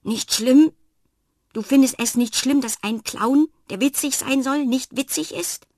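A woman voicing a thumb-sized, cheeky male clown who has climbed out of a painting in a storybook reading, talking high and cross. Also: slow pace, sharp tone, dry recording, studio quality, full character voice. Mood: indignant.

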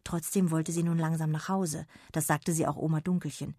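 Calm lady reading a kids bedtime story, low husky voice, super dry close mic. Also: brisk, no echo. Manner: calm, gentle, expressive. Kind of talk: children's bedtime story narration.

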